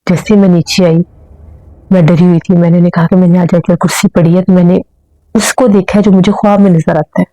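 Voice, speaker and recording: A woman's voice: on the low side, little pitch movement, fairly quick, dark tone, no room sound, rough recording. A woman telling a first-person horror story in an earnest storytelling manner.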